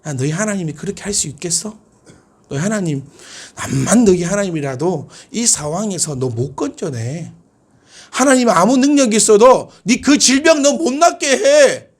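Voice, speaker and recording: A man's voice: high-pitched, lively intonation, normal speed. A man voicing a boastful ancient king who jeers at his enemy and mocks their God. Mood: taunting. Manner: mocking, jeering.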